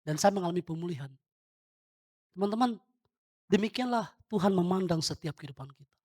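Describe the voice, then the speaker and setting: A man's voice: high-pitched, animated, fairly quick, dark tone, no room sound, clean studio sound. Chatty young pastor man preaching. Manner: chatty, talks straight to the congregation with questions. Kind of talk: informal sermon.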